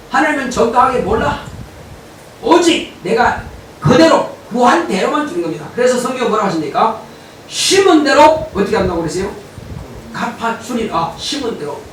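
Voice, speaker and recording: A male pastor giving an animated sermon, at times shouting to drive his points home. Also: very high-pitched. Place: church sanctuary. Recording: echoey church hall, mic at a distance, faint noise.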